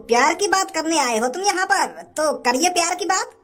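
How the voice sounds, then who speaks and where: A woman's voice: very high-pitched, expressive, moderate pace, fairly bright tone. A woman voicing a stern middle-aged cartoon father who scolds and bosses the young men around. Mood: teasing. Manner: scolding, bossy. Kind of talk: cartoon comedy dubbing.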